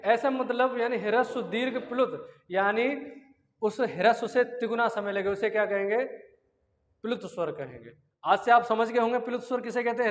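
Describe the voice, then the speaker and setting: A male teacher giving an exam-prep grammar lecture, who asks and answers his own questions and stretches out vowels as examples. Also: high voice. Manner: drawn-out vowels and chanted syllables as examples. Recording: dull lo-fi audio in a long-echo room.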